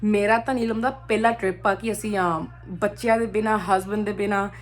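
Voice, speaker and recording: An adult woman, a mother of children, chats casually with her viewers in a vlog, slipping English phrases into her talk. Her medium-pitched voice moves a little fast with fairly even intonation.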